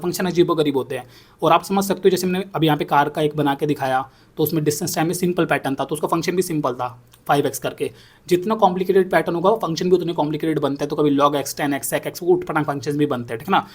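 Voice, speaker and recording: A young man teaching a maths class, explaining step by step and checking in often with his students. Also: on the high side. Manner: repeats himself, checks in with "ठीक है ना". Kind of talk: explaining on a whiteboard.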